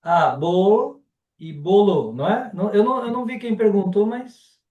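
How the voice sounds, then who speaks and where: A man with a Brazilian Portuguese accent teaching a live online class, unhurried and often ending sentences with a checking question. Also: sits high, lively intonation, recorded from a distance, narrow, tinny audio. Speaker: Sanskrit teacher. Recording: roomy and off-mic.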